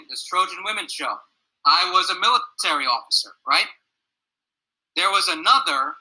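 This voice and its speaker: On a video call with his students, a young middle school teacher tells a personal story, earnest and reflective and asking them questions. His high-sitting voice sounds gruff, pushed, and bright, captured in a low-quality recording.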